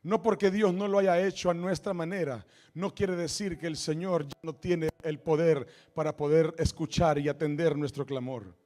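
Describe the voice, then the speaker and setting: A man's voice: on the high side, fairly even intonation, moderate pace, hardly any pauses, darkish tone. A man preaching a sermon as pastor, emphatic and repetitive, often acting out the voices of people he quotes. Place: church sanctuary.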